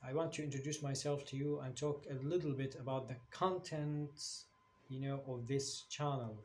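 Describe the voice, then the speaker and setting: A Syrian English teacher whose first language is Arabic introduces his new channel in English, hesitant and full of fillers and restarts. His mid-range voice has fairly even intonation and a normal pace, with faint background noise.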